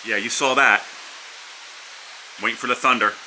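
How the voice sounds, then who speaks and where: A man's voice: mid-range voice, fairly even intonation, normal speed. A man narrating a casual vlog outdoors from under a house porch during a storm. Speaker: vlogger. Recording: wind, rain and hiss behind voice.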